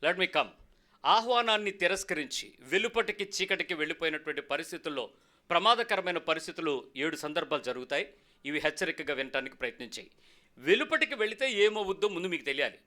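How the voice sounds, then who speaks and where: A man preaching in a church, talking fast in a high, bright voice. He keeps firing questions at his congregation to drive each point home. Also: lively intonation. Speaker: pastor. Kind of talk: sermon.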